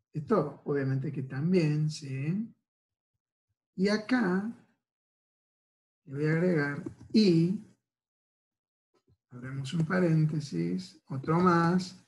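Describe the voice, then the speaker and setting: Speaking a little high, this Argentine-accented lecturer walks through the material step by step in a recorded university class. Almost every phrase ends with him checking that the students are following.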